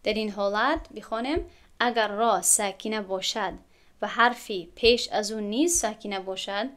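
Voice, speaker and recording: A woman with a Tajik accent teaching Quran recitation rules step by step, asking rhetorical questions and slowly chanting the example words. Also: mid-range voice, fairly bright tone. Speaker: tajwid teacher.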